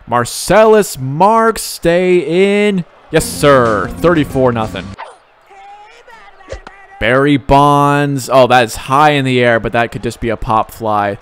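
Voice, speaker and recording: A young man commenting live on his own video game play, excitable, with sighs and sudden outbursts. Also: mid-range voice, slow, soft background music. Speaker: gaming YouTuber.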